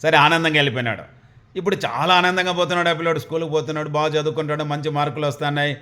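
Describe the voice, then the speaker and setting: A man, telling a devotional story in a folksy, animated way. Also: a little high, racing. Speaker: spiritual storyteller.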